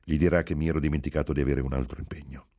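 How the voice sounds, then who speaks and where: A man's voice: very deep voice, fairly even intonation, racing, dark tone, husky. A man playing a guarded, reasonable young husband. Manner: reasonable, restrained tone.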